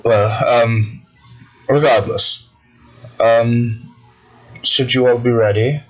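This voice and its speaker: A man running a tabletop game as game master, speaking measured and formal in character. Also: mid-range voice, fairly even intonation, rough recording.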